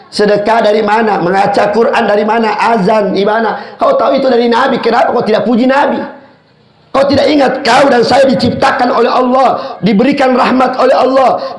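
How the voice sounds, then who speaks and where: High-voiced man preaching in an echoey hall. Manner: rhetorical, questioning the crowd, storytelling. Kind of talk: sermon.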